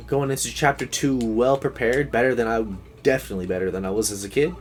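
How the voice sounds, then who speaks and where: A man's voice: medium pitch, fairly even intonation, quick pace. A man livestreaming a video game with casual, rambling commentary, thinking aloud as he plays.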